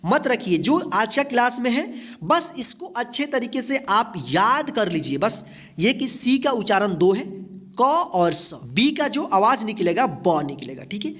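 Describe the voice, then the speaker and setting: A woman's voice: a little high, very animated, unhurried, fairly bright tone. A woman teaching a beginner's English lesson, spelling out letters one by one, asking questions and repeating each answer. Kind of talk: step-by-step spoken English lesson.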